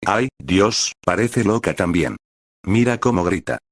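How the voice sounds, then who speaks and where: Un hombre que pone voz a un villano joven, hosco y burlón, con lectura plana y despreocupada. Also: male voice, low voice, lively intonation, measured pace, dry recording, studio quality, exaggerated voice.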